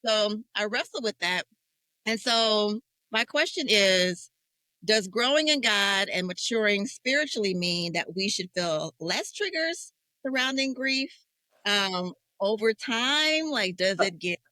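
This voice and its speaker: A woman's voice: medium pitch, lively intonation, measured pace, pushed and bright, no room sound, rough recording. A woman in her forties hosting a faith-based talk on grief, speaking in an emotional, searching and candid way. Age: 40s. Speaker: podcast host.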